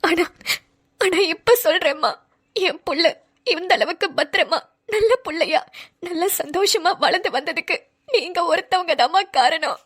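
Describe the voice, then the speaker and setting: A woman's voice: extremely high pitch, fairly bright tone, full character voice. A woman voicing a grateful middle-aged mother who pleads tearfully in a dramatic cartoon.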